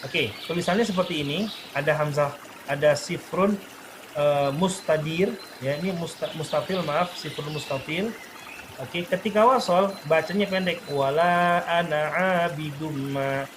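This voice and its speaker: A man's voice: on the high side, background noise. Man teaching Quran recitation over running water. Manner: explains rules, then recites example verses slowly. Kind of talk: recorded tajweed lesson.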